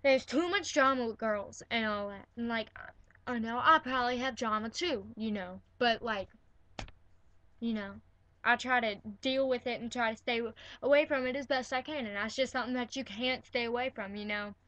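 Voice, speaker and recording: A teenage girl vlogger rants to the camera from her bedroom, indignant and sarcastic, peppering her speech with "like" and "all right?". Her voice is fairly high and a bit bright, her pace moderate, and there's no echo.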